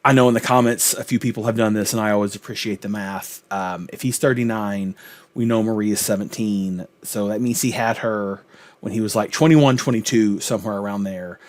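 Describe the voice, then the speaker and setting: A man's voice: on the low side, a little fast. Rambling man hosting a sitcom reaction. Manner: thoughtful, rambling, lots of filler. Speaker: reaction video host. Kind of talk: casual commentary.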